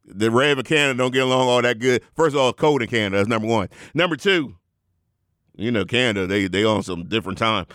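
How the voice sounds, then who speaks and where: A man talks sports and faith in one breath, hyping himself in the third person like a preacher. His voice drops into a low drawl and then jumps into high, excited bursts. The sound is dry and close, with no room echo. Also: fast talker. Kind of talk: sports talk mixed with sermon.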